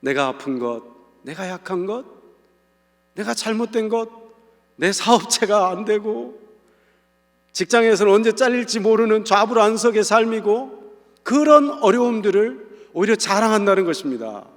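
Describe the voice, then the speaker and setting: A man's voice: high voice, animated, moderate pace. A male pastor preaching a sermon in an earnest, conversational way, turning to the congregation with questions. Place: church sanctuary. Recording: echoey church hall.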